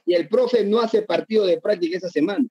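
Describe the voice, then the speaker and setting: A man, a former footballer, telling lively anecdotes on a video call, laughing and acting out what others said. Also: sits high, brisk, husky, dry recording, highs cut off. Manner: animated, laughing, acts out others' lines. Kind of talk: casual storytelling.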